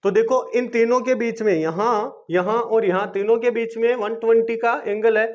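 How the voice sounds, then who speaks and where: A man's voice: very high voice, fairly even intonation, moderate pace. A man teaching a chemistry lesson. He asks questions and then answers them himself, repeating points in a coaxing way. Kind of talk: classroom-style video lesson. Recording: dull lo-fi video lesson recording.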